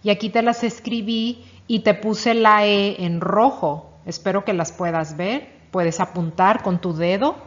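A woman leads a children's reading lesson at an unhurried pace. She is patient and encouraging, asking questions and praising each answer. The recording has a slightly dull, lo-fi quality. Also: mid-range voice. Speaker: teacher.

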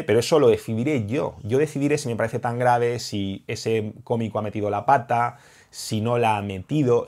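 A man's voice: on the low side, a little mellow. A young man with a Spain Spanish accent, a dating coach talking straight to camera in an emphatic, heated and repetitive vlog monologue.

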